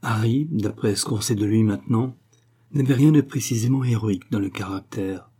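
A man narrating a novel as an audiobook, reading in a measured, even way. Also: fairly low pitch, breathy edge.

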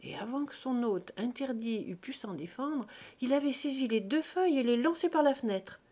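A woman narrating a classic short story aloud, clear and expressive. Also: high-pitched, moderate pace. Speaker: reader. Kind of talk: literary reading.

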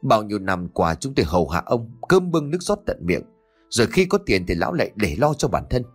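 A man's voice: on the low side, sing-song, a little fast, husky, soft background music. A man voicing a vicious daughter-in-law who shrieks and hurls abuse. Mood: shrieking fury. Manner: shrieking, abusive.

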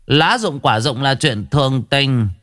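A man's voice: mid-range voice, lively intonation, a little slow, fairly bright tone, pitched above the performer's own voice. A man voicing an old village Taoist exorcist, sonorous and chanting. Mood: soothing. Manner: sonorous, chanting, self-assured.

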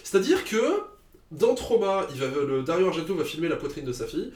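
A man's voice: on the high side, sing-song, a little fast, darkish tone. Chatty opinionated man in an echoey room. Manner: opinionated, chatty, with frequent fillers. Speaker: podcast co-host. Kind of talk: casual film chat.

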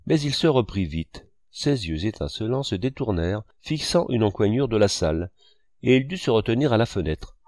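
A man narrating a French novel in a measured literary reading. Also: lowish voice, big pitch swings, a little mellow, no echo, clean studio sound.

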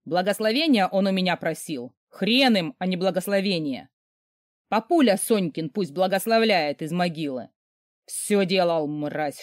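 A woman's voice: lowish voice, dry recording, clean studio sound, natural voice. A woman reading an audiobook, voicing a spiteful, scheming middle-aged mother with a cold, contemptuous delivery.

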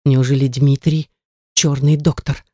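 An audiobook narrator carries a first-person story at a steady, even pace. The voice is warm and mellow in tone. It is recorded close and dry, with no room sound. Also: medium pitch, measured pace, dry recording.

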